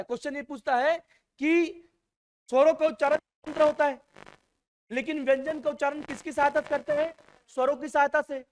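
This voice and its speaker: Male teacher, high voice, classroom lecture that quizzes students. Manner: quizzes students, repeats key terms.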